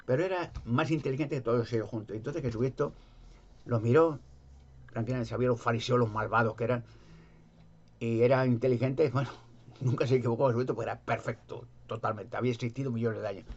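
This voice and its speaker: A religious storyteller with a Spain Spanish accent retells a gospel story casually, in a rambling, repetitive, folksy manner. He speaks fast with a medium-pitched, fairly even voice, and the recording sounds muffled.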